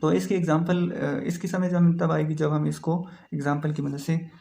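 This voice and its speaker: Slightly high-voiced man lecturing patiently. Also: level tone, vocal fry, mellow. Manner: explains slowly, repeats phrases, mixes English terms into Hindi. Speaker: phonetics lecturer. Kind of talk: recorded online lecture.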